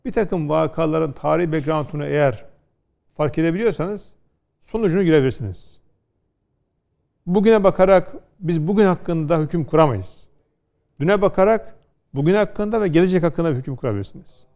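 A middle-aged man from Konya speaks as a law scholar on a panel. His voice sits a bit high but sounds dark and gravelly. He lectures and tells anecdotes, with rhetorical questions. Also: a little fast. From Turkey, Konya. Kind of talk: studio panel discussion.

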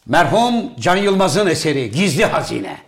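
A man's voice: on the high side, sing-song, normal speed. An older man hosting a comedic talk show, with a theatrical, playfully exaggerated delivery. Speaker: show host. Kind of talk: comedic casual chat.

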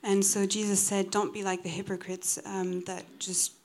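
A woman's voice: mid-range voice, flat delivery, normal speed, darkish tone, a little hiss or hum. A woman giving a live English translation of a sermon, phrase by phrase, with fillers and restarts. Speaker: interpreter.

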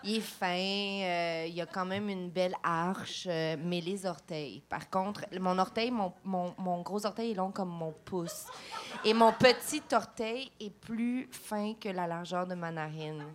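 A woman's voice: on the low side, a little slow. Self-mocking woman guest, noisy live show. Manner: self-deprecating, hesitant storytelling. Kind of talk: casual chat, live podcast. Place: live show in a cabaret venue.

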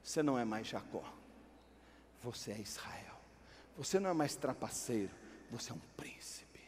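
A man voicing God, calm and mighty, speaking in a hushed, slow, solemn way. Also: a little high, big-room sound, slight background noise, pitched below the performer's own voice.

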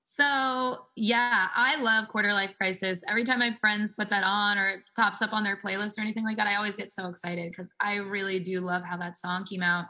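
A young woman in her twenties with a bright, forward tone tells a story in a relaxed interview. She talks in a chatty way and scatters "like" through nearly every phrase. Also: mid-range voice, a little fast, hardly any pauses. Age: 20s. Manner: chatty, fills speech with "like". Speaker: singer guest.

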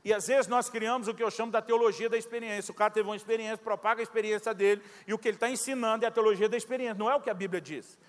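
A Brazilian man in his forties preaching with a high, quick voice. He tells a story and acts out the dialogue with lively energy. His voice carries the long reverb of a large church hall. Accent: Brazilian Portuguese. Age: 40s. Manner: animated storyteller acting out dialogue. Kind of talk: sermon storytelling.

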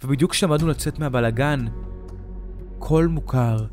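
A man's voice: medium pitch, darkish tone. Male horror narrator over music. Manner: dramatic, slows down at frightening moments.

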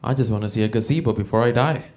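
A man from El Salvador doing a stand-up comedy set, with a halting delivery full of fillers and restarts. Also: on the low side, background noise. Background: audience laughter.

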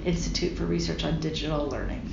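A woman's voice: flat delivery, fast, vocal fry, muffled recording. Woman academic in a very echoey, distant recording. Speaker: professor, podcast guest. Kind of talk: unscripted interview answers. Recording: very echoey, distant, rumbling noisy room.

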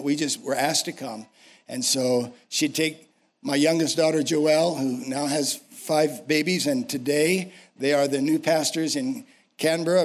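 A man in his sixties with an American accent preaching a sermon, emphatic and repeating phrases for effect. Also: on the high side. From United States. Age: 60s. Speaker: senior pastor, guest preacher. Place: speaking to a church congregation.

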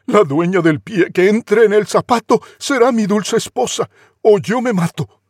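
A man voicing a brutal, unhinged young prince who barks his orders loudly. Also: sits high, measured pace, no echo, studio quality, pitched above the performer's own voice. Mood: imperious. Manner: barking, bellowing commands.

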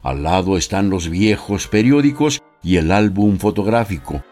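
Mexican radio storyteller, low voice, bouncy up-and-down reading, slows down on the big bits. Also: male voice, faint music behind. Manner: measured, expressive, slowing for emphasis. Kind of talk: expressive storybook narration.

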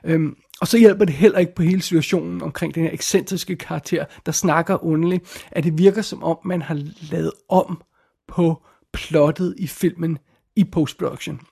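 A man with a fairly high, gravelly voice talks through a film review off the cuff. His tone is husky rather than clean, and he keeps stopping to restart and repeat words as he gathers his thoughts. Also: fairly even intonation, a little mellow.

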